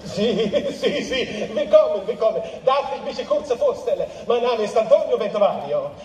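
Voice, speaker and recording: An actor playing an eager, vain painter, broken grammar and eager repetitions. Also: male voice, high voice, lively intonation, moderate pace, a little mellow. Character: flamboyant Italian painter man, eager and vain. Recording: echoey hall from far off.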